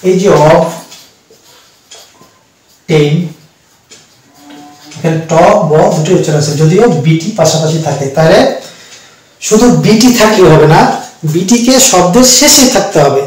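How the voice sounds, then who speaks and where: A man's voice: high-pitched, darkish tone, recorded from a distance. Bengali-accented man teaching, echoey room. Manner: slow, with frequent hesitations and spelled-out letters. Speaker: English teacher. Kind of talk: explanatory lesson. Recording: echoey room, voice a bit off mic.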